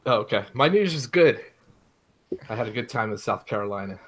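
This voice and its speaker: A man, a returning podcast guest, giving short low-key answers in casual banter. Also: expressive, fairly quick.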